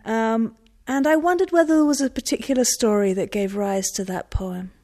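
Mellow, admiring woman from Scotland. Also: fairly high pitch, normal speed. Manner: warm, admiring, gently enthusiastic. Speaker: interviewer. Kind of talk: interview questions.

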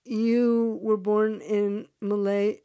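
A woman interviewing an author, asking her questions in slow, deliberate phrasing. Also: mid-range voice, flat delivery, mellow, smooth, no room sound.

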